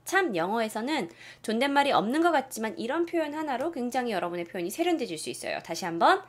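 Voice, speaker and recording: Animated woman teaching in a video lesson. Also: quick pace. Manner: lively, acts out example lines with big pitch jumps; drops to a whisper for asides. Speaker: English teacher.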